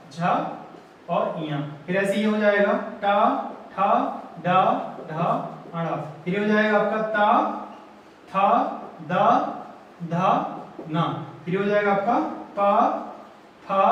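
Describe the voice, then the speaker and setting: A man's voice: high-pitched, fairly bright tone. A male teacher giving an exam-prep grammar lecture, explaining step by step and asking questions he then answers himself. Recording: very echoey room, voice from far off.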